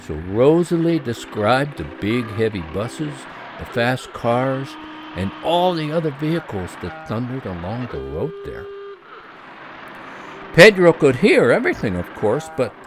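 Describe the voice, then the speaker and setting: Man reading a kids story, voice jumps all over the place, soft music behind. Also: medium pitch, unhurried. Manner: expressive, gently explaining.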